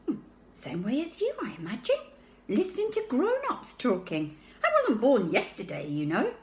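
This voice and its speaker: A woman's voice: on the high side, huge pitch swings, normal speed, darkish tone, echoey room, pitched above the performer's own voice. A woman reading a children's book aloud, voicing a newborn baby boy who talks like a superior, matter-of-fact adult. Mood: smug.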